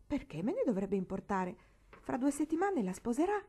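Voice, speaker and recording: A woman voicing a gentle, loving widowed mother in a storybook reading, speaking softly and tenderly. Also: high voice, big pitch swings, moderate pace, breathy edge, pitched above the performer's own voice, full character voice. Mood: amused. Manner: soft and tender, amused then hushed.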